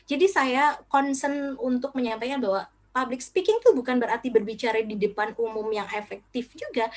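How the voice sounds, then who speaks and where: A middle-aged woman giving a short parenting talk as a speaker, lively, acting out what parents and children say. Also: fairly high pitch. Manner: lively, acts out quoted child and parent lines.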